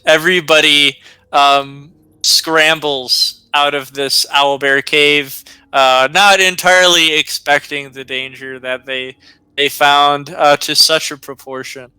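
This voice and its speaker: A man narrating a tabletop game as game master, unhurried and full of ums and uhs. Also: a little high, sharp tone, clear, resonant tone, dry recording, poor audio.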